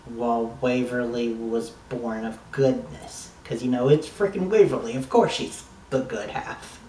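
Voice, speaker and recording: A man talks through a TV episode in a slow, unhurried drawl, with the rambling enthusiasm of a fan who swears now and then. His voice sits a little off from the microphone in a roomy, echoing space, with faint ambient noise behind him. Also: medium pitch, dark tone, far from the mic. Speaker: TV episode reviewer. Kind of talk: casual review monologue.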